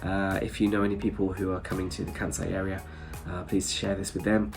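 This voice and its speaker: Low-pitched and flat, with some vocal fry, a travel vlogger's voice comes fairly quickly as he chats to his viewers on camera. His hay fever leaves him congested, and he rambles a touch with little chuckles. Faint music sits behind him.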